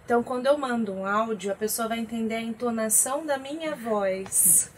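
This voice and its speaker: A woman co-hosting a talk show, talking in a lively, chatty way. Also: on the high side, fairly quick, slight background noise. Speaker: co-host. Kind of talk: casual talk show chat.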